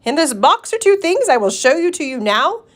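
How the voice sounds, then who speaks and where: Woman as high, playful Cat in the Hat. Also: very animated, moderate pace. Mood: showy. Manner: playful, showy, coaxing. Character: mischievous, breezy showman cat, male. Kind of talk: children's storybook read-aloud.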